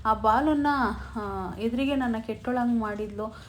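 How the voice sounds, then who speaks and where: A woman's voice: a little high, unhurried, close to an everyday voice. A resentful young woman, voiced by a woman retelling a serial, vents her grudge to her brother. Faint hiss behind. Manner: angry, complaining.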